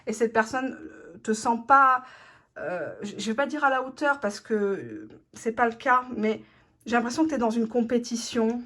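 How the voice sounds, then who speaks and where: A fairly high-voiced woman talks straight to the viewer as she lays out tarot cards, blunt and teasing. She drops in the partner's thoughts in first person, plain-spoken and unsparing. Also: lively intonation, normal speed, a bit bright. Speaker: tarot reader. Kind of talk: tarot reading monologue.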